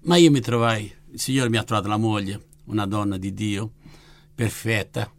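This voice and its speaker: Gravelly older Italian-born missionary man. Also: on the low side, moderate pace, noisy background. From Italy. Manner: lively storyteller, fervent and emotional. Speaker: missionary and orphanage founder. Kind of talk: personal faith testimony.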